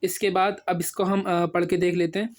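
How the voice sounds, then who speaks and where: Step by step, a man with a high voice and flat delivery walks through a reading lesson. Patiently, he poses and answers his own questions, stretching every syllable slowly while spelling.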